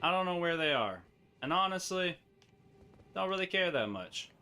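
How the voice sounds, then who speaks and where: A man's voice: high voice, sing-song, normal speed, sharp tone, a little hiss or hum. A man giving rambling, joking commentary to himself while playing a game. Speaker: gameplay streamer. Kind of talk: casual gameplay commentary.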